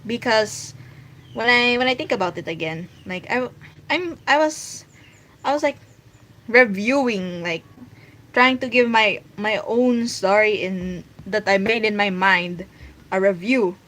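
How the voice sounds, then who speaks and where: Brief: Filipino woman artist, mid-pitched, chatting loosely on a drawing stream, lots of "like"s and restarts. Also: a little slow, fairly bright tone. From Philippines. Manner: rambling, filler-heavy, restarting thoughts aloud. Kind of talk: casual livestream chat.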